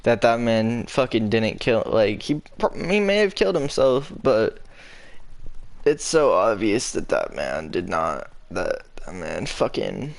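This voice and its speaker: A man co-hosting a podcast in casual chat, talking haltingly with lots of restarts and heavy swearing. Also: on the low side, sing-song, creaky. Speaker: podcast co-host.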